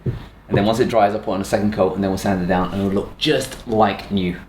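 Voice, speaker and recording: A home renovation vlog host casually narrates his hands-on work, unscripted and thinking aloud as he works. His lowish, darkish voice holds a steady tone at a little fast pace, in a noisy home recording with clicks.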